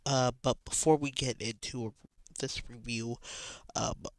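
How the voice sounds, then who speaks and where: A man hosting a casual film review, his voice nasal and sickly from illness, rambling with many pauses and fillers. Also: medium pitch, steady tone. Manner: rambling, many ums and restarts.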